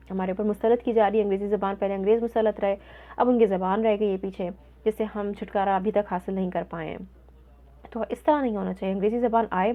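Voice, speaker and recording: Earnest Pakistani woman on a tinny line. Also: mid-range voice. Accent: Pakistani Urdu. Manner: earnest, indignant, with frequent hesitations. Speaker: host of her own commentary channel. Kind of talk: opinion monologue to camera. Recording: tinny phone-like sound.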